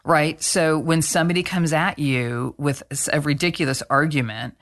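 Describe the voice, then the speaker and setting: Low-voiced woman telling a story bluntly. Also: normal speed. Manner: animated, blunt storyteller with frank swearing. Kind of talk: casual storytelling chat.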